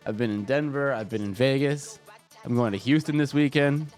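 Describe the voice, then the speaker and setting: This livestreamer has a mid-range, slightly mellow voice and speaks at a normal speed. A bit congested, he keeps things casual, joking and cursing freely, with a desk microphone picking him up over faint music.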